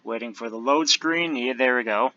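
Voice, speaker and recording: A man's voice: medium pitch, normal speed, bright, forceful tone. A man hosting a let's play, giving casual game commentary with wry, joking asides. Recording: dull lo-fi microphone with game music. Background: video game music.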